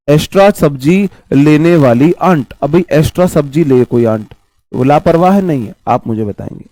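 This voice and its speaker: A man's voice: a little high, darkish tone, no room sound. A male coaching teacher with a sore, worn-down throat, explaining English vocabulary in a chatty class that keeps circling back on itself. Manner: chatty, repeats himself, calls students "bhai". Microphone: mic placed close.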